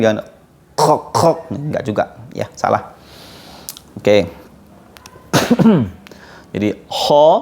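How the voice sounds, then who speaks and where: A man with an Indonesian accent teaching Arabic letter sounds, slowly drilling each sound and often clearing his throat from a cold. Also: mid-range voice, darkish tone. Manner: slow, patient, repeats sounds as drills. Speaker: Quran recitation teacher.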